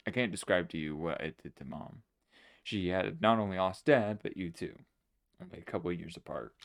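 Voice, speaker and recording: A man voicing a protective older sister who is a reaper, speaking quietly and somberly in a game. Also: sits low, animated, fairly quick, gravelly. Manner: quiet, somber, subdued reading. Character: protective teenage girl reaper, guarded.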